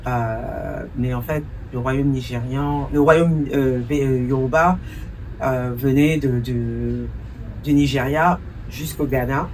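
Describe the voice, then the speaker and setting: A woman's voice: rumbling low, fairly even intonation, takes it slowly, darkish tone, recorded from a distance, a little hiss or hum. A woman in her forties, raised in France, answering interview questions as a cultural entrepreneur and producer, thoughtful, with many hesitations and a few English words mixed in.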